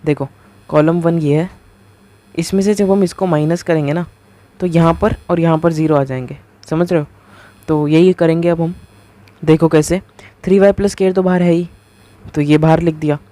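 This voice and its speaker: A man giving a casual math lecture, talking through each step as he writes and keeps asking the viewer quick rhetorical questions. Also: on the high side, steady tone, warm tone. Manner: talks through each step while writing. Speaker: math teacher.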